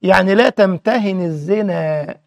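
A man's voice: high voice, normal speed, a little mellow, no echo. A man with an Egyptian Arabic accent teaching a religious lesson, who keeps quizzing his listeners with rhetorical check questions.

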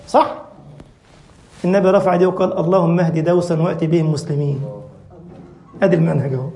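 A man with an Egyptian accent preaches a mosque sermon at a quick clip, his voice pitched high. He grows impassioned and climbs to near shouting at his peaks. The hall around him rings with echo. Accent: Egyptian Arabic.

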